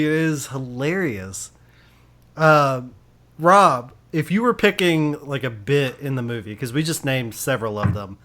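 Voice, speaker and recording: A man's voice: mid-range voice, a bit bright. Podcast host, male, eager and laughing, mid-range voice, loose casual chat. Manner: enthusiastic, laughs often, restarts sentences. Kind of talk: casual film review chat.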